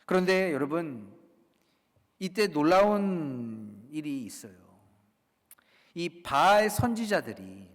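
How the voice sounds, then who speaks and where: A man preaching a sermon as a pastor, swinging between loud declarations and hushed whispers. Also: a little high, very animated, slow, long pauses, big-room sound. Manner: dynamic preaching, dropping to soft whispers for emphasis.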